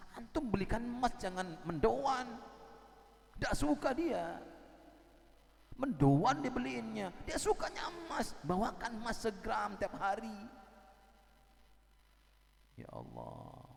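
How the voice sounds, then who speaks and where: A lively male preacher, his voice sitting a bit high. He jokes and acts out small scenes as he preaches. The sound rings with a long hall reverb. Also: slow, vocal fry, long pauses. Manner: animated, joking, acting out little scenes. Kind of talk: sermon. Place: prayer hall.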